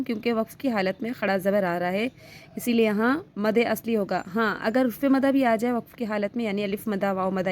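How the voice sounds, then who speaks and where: A woman's voice: a little high, darkish tone, slight background noise. A woman teaching a reading lesson step by step, patiently sounding out letters and stretching the vowels, often checking in as she goes. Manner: keeps checking in with "theek hai".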